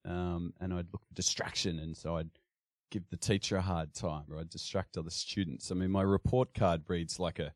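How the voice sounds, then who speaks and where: Deep-voiced Australian man, halting. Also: steady tone, a little mellow, no echo, studio quality. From Sydney, Australia. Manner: hesitant, many restarts and fillers, frequent laughs. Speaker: podcast guest. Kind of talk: casual interview chat.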